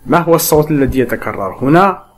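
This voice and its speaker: A man's voice: a little high, expressive, quick pace, a little hiss or hum. A man teaching French reading to Arabic speakers, patiently repeating each word and answering his own questions. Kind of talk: slow step-by-step reading lesson.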